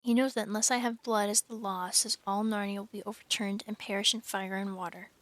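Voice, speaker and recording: A woman's voice: medium pitch, fairly even intonation, fairly quick, fairly bright tone, lightly acted. Scornful storybook witch queen, cold and haughty, a woman voicing her. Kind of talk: reading aloud a storybook.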